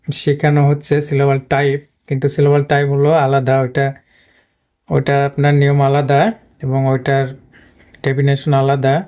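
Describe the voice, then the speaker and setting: With a flat, steady pitch and a smooth, mellow tone, the man teaching English halts often and repeats words. He goes slowly, pointing at the board as he explains.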